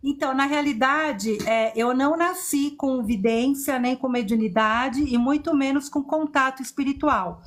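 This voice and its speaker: A woman, a podcast guest telling her personal story in an earnest, unhurried way. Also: sits high. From Chile. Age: 50s.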